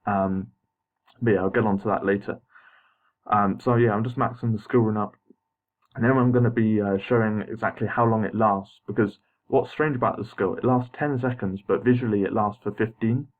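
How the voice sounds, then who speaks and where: A man's voice: lowish voice, steady tone, normal speed. A young man with braces slightly muddying his words, giving hesitant, apologetic, casual gaming commentary as an unscripted voice-over. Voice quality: slightly muffled articulation from wearing braces. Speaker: gameplay video narrator. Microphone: voice-over recorded over game footage. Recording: muffled phone-like home voice-over.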